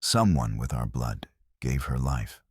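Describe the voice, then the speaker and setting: A man voicing a stern, weathered old Apache elder who speaks in a grave, measured, formal way. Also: rumbling low, lively intonation, breathy edge, dry recording, studio quality, voice pushed down, full character voice.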